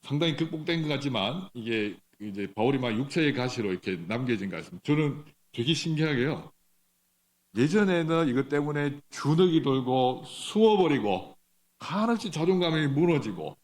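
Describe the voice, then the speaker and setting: A middle-aged man preaching a sermon in a church, speaking conversationally, asking the congregation questions, with some halting restarts. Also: a little high, big pitch swings, a little mellow. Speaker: pastor. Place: church sanctuary.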